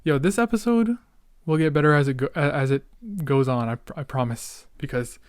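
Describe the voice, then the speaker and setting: Brisk and medium-pitched, this young Canadian podcast host, late teens or young adult, rambles through a casual solo chat full of memories, self-interruptions and youthful slang. The recording is dry, with a clean tone and clean studio sound.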